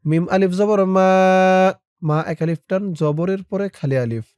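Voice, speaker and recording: A man teaching Quran reading in Bengali style, spelling each syllable slowly and then chanting the words drawn out. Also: high-pitched, dark tone, smooth, no room sound, studio quality. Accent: Bangladeshi Bengali. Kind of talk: letter-by-letter Quran reading lesson.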